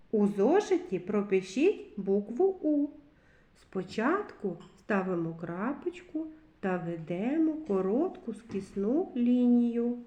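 A woman teacher giving a slow literacy lesson to young children, carefully sounding out each word. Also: medium pitch, warm tone, reverberant. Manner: slow, clearly sounding out words. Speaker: kindergarten teacher.

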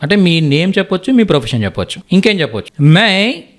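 A man teaching a Hindi lesson, explaining slowly and repeating each word for learners. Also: a little high, big pitch swings. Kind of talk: spoken language lesson.

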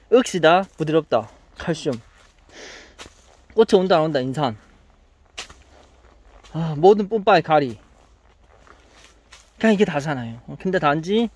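A man with a Gyeongsang accent, a crop consultant talking through a field visit, questioning and teasing as he coaches. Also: a little high. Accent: Gyeongsang Korean. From Gyeongsang region, Korea. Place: outdoors in a farm greenhouse.

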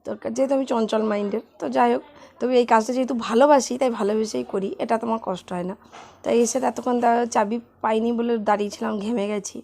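A woman talks casually to her vlog viewers in a fairly high, gravelly voice. She sounds tired and short of breath from a cold. Her talk rambles along in a complaining way. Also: fairly even intonation, fast, warm tone. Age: adult, mother of a schoolchild. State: tired, sleepy. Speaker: vlogger. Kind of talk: casual chatty daily vlog.

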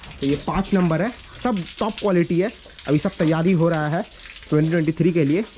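In a casual walking vlog, a young Indian man briskly gives directions along village lanes and a tour of a cattle shed, his voice fairly high and a little mellow. He explains repetitively and instructively to viewers while holding the camera at arm's length. Ambient sound makes the outdoor recording noisy.

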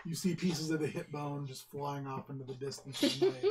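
Higher-pitched male game master amid table chatter. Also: normal speed. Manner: vivid descriptive storytelling. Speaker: dungeon master. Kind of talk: narrating a tabletop roleplaying game among friends. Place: small room around a crowded table.

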